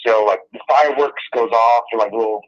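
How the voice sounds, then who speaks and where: A man speaks over the phone in a muffled, dull-sounding call. He is an interview guest whose voice sits at an ordinary middle pitch. He tells rambling, self-deprecating stories in a casual way. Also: quick pace.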